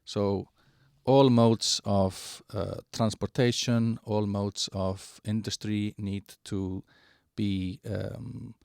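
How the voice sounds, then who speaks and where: A man giving a halting walkthrough of an online platform, with many fillers and restarts. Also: on the low side, vocal fry, a little mellow, dry recording, clean studio sound. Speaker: presenter of a digital platform. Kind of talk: screen-share product walkthrough.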